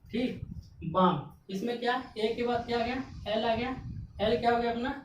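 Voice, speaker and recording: A woman's voice: a little high, moderate pace. Woman teacher going through english spellings letter by letter, quizzes herself, echoey room, mic kinda far, faint hiss. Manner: asks and answers her own questions, spelling words out letter by letter. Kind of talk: classroom-style grammar lesson.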